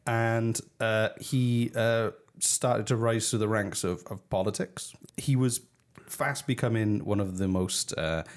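British guy on a podcast, lowish voice, jokey and laughing a lot. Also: slow pace. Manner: jokey, laughs often, many restarts. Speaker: podcast host. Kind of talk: casual podcast chat.

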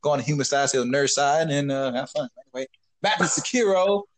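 A man hosting a casual gaming podcast, excitable and profane, often restarting his sentences. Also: a little high, fast talker. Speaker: podcast host.

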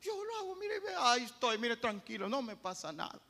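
A man's voice: very high voice, very animated, a little fast, sharp tone, exaggerated voice. A pastor mocking a smug man who shrugs off sin. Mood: dismissive. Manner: dismissive, carefree.

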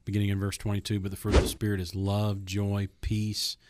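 A man's voice: lowish voice, completely flat delivery, fairly quick, very noisy. A man who is a pastor, co-hosting a church podcast, joking and teasing between reading verses. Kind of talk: casual chat.

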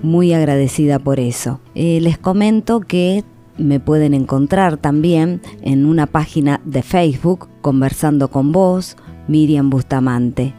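A woman with an Argentine accent hosting a radio program, speaking in a slow, reflective way with repeated phrases. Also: sits low, mellow, faint music behind. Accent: Argentine Spanish. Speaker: radio host.

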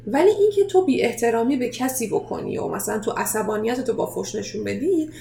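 A woman hosting a casual interview, talking in a lively way and dropping English words into her speech. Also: on the high side, gravelly. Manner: animated, mixes English words into Persian. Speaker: podcast host. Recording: roomy echo, faint noise.

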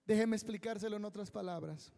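Male preacher, high voice, unhurried emphatic sermon delivery, reverberant hall. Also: creaky, warm tone, faint music behind. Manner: slow, emphatic preaching with drawn-out phrases. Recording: long reverb of a large hall.

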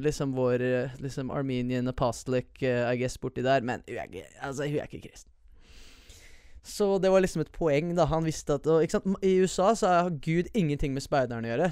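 A young man with a slightly high, smooth and clear voice tells a story from his own life. He talks loosely and swears a lot, dropping English slang in as he goes, and the recording is close and dry with no room sound. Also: a little mellow, no room sound. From USA and Norway. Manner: profane, slangy, mixes English words into Norwegian. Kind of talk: casual personal storytelling.

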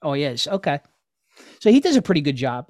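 A man's voice: on the high side, sing-song, fast, darkish tone, dry recording, studio quality. A man from New York co-hosting a podcast, chatting casually, agreeable and asking questions. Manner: agreeable, asks questions, many fillers. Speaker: podcast co-host. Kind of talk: casual chat.

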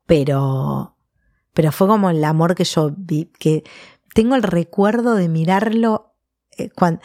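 A woman in her thirties with a Rioplatense Spanish accent, telling personal stories in a casual, animated way during an interview. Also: fairly low pitch, no echo, clean studio sound. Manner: chatty, animated storytelling with laughs.

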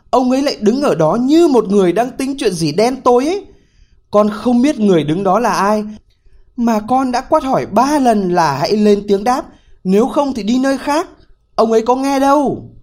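A man puts on a foolish young hero for a spoken folk tale, his voice pushed up high and a touch louder than the narration. He talks bluntly, pleading when scolded. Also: animated, normal speed.

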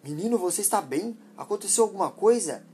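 A woman's voice: mid-range voice, animated, a little fast, dark tone, a little hiss or hum, voice pushed up, lightly acted. A woman voicing a concerned, insistent man who keeps questioning. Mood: worried. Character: concerned grown man, a passing driver.

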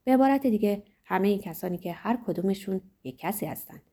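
A woman reading the part of a stern, ironic older male world controller in a measured, lecturing way, her voice dropped lower than her narration. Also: lively intonation, mellow. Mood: reflective.

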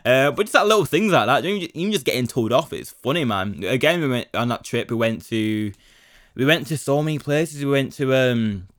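A man's voice: medium pitch, fairly bright tone, dry recording, clean studio sound. A young man telling a rambling story on his podcast, full of slang and fillers. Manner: rambling, slangy, full of fillers and 'do you know what I mean'. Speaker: podcast host. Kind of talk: casual solo storytelling.

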